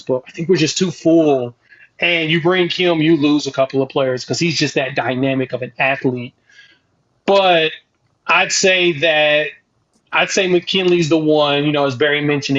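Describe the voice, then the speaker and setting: Male podcast guest, higher voice, confident, somewhat lo-fi sound. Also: fairly bright tone. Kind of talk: casual sports chat.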